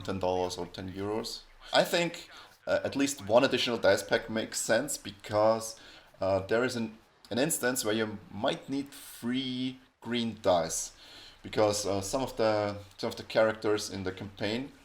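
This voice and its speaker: Rambling low-voiced podcast host, man. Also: a little slow, hardly any pauses. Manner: rambling, frequent restarts and self-corrections. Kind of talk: casual podcast chat.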